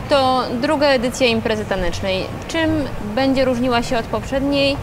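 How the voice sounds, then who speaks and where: Woman interviewer asking brisk questions. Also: high voice, background noise.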